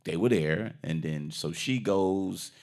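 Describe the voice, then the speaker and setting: A man casually retelling a film's plot as a review co-host, acting out the characters' lines and swearing freely. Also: slow. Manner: animated, acts out characters' lines with big pitch jumps.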